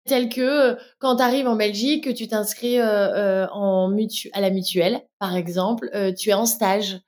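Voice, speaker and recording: A woman's voice: medium pitch, steady tone, moderate pace, darkish tone. A woman from France with a French accent, a brand co-founder speaking candidly in a casual interview, with frequent hesitations. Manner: many fillers and restarts, candid.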